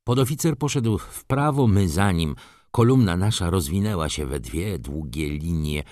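A man reading a story aloud in the first person, with expressive scripted narration. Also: sits low, moderate pace, dry recording, clean studio sound. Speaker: audiobook narrator.

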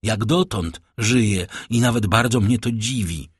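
A man voicing a cautious, grave doctor who speaks slowly and measuredly. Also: fairly low pitch, slightly rough, dry recording, clean studio sound. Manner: slow and measured.

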